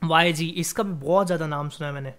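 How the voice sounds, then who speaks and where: A man's voice: a little high, fast talker, over loud music. Chatty young man hosting a reaction video. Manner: energetic, chatty, mixes Hindi with English. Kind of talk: casual reaction commentary.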